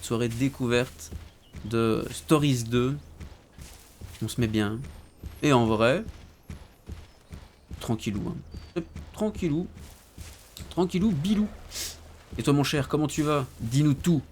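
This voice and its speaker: Chill guy streaming a game, slangy, chats with viewers, mid-pitched voice, faint hiss behind. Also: steady tone, slow pace, long pauses. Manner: laid-back, slangy, talks to chat by name. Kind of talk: casual gameplay commentary chatting with viewers.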